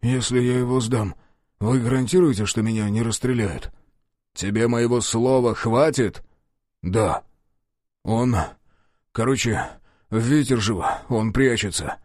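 A man's voice: mid-range voice, measured pace, long pauses, a little mellow, no room sound, studio quality, natural voice. A man reading an audiobook, voicing a cowardly, corrupt young police officer who whines evasively and pleads. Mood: pleading.

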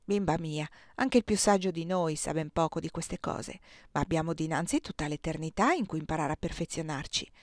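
A woman reading the lines of a gentle, pious mother in an audiobook. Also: low voice, brisk, no echo, clean studio sound, lightly acted. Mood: tender.

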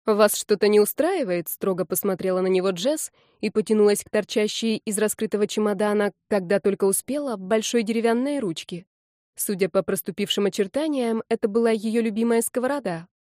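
A woman reading a first-person fantasy audiobook in a lively, wry storytelling manner. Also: medium pitch, brisk, no echo, clean studio sound.

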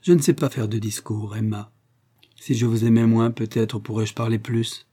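A man reading a novel aloud, voicing a grave, earnest gentleman suitor with a slightly raised, fuller voice. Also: on the low side, steady tone, normal speed, natural voice. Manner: grave and earnest, rising in warmth. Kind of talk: audiobook character reading.

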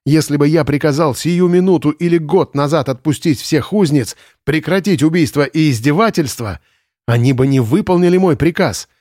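A man voicing a desperate, unstable male camp commandant who pleads and shouts hysterically. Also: mid-range voice, no echo, studio quality, lightly acted.

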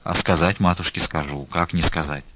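A man's voice: deep voice, fairly even intonation, normal speed, noisy background, voice pushed down, close to an everyday voice. A man voicing a humble, anxious old nun who speaks meekly and laments, on a dull lo-fi recording. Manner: meek, fussy and lamenting.

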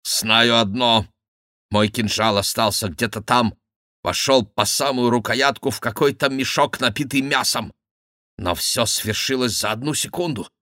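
A man's voice: mid-range voice, fairly even intonation, unhurried, bright, forceful tone, dry recording, clean studio sound. A man voicing a bold young courtier who blusters and swears. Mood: blustering. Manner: blustering, exclamatory. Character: bold young male courtier, swaggering, given to German oaths.

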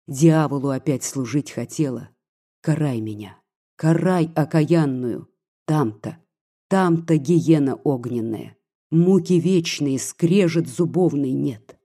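Desperate pleading woman as a male reader puts her on, husky and dark, bitter and feverish. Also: medium pitch. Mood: despairing. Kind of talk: audiobook reading.

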